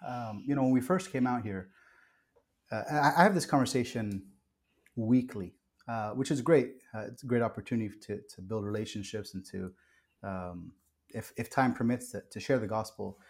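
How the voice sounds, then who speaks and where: A man's voice: on the low side, normal speed, darkish tone. A man who was born in Kuwait and raised in the US, a pastor talking earnestly and reflectively in a podcast interview, with frequent restarts and fillers.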